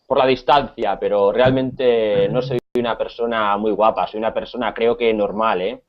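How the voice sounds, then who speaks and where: A man's voice: on the low side, fairly even intonation, moderate pace, muffled recording. A man from Spain with a Spanish accent, teaching an online Spanish class and explaining things patiently with many hesitations.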